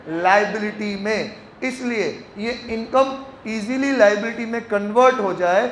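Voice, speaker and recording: A male accounting teacher giving a classroom lecture, leading his students in loud call-and-response chants. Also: high-pitched, a little hiss or hum. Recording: echoey classroom with faint ambience.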